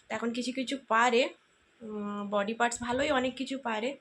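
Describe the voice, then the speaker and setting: A woman's voice: fairly high pitch, fairly even intonation, fairly quick, fairly bright tone, a little hiss or hum. A young woman in a casual family vlog, chatting to her viewers as friends at home. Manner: coaxing, patient with her toddler. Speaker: vlogger.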